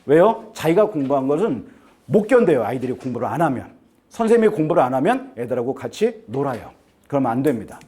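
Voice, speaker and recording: A man's voice: mid-range voice, very animated, quick pace, mellow, slightly rough. A man giving a talk to parents as an admissions consultant. He keeps joking and asks the audience again and again to agree. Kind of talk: lecture to parents. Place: seminar room with an audience.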